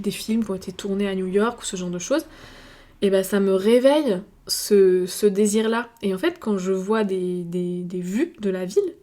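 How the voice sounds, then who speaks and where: French woman musing aloud, halting. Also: medium pitch, darkish tone. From France. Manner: hesitant, thinks aloud with many fillers and restarts. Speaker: video creator. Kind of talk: casual reflective monologue to camera.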